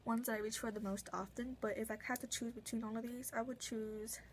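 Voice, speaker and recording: A woman's voice: on the high side, level tone, a little fast, a little hiss or hum, rough recording. A young woman casually reviewing her makeup brushes at home, rambling with lots of fillers and self-corrections. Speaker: beauty vlogger.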